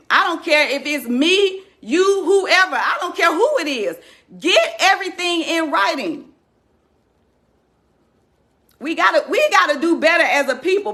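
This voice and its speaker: An angry woman talks straight to her followers in a high, tense voice that is pitched up and pushed hard. She is shaking with anger and hammers every point with indignant emphasis. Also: sharp tone. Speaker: community activist addressing followers. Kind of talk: impassioned direct-to-camera rant.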